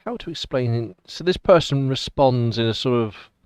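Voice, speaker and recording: Animated man running a tabletop game. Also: mid-range voice, moderate pace, smooth, dry recording, studio quality. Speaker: game master. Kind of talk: casual improvised tabletop game narration.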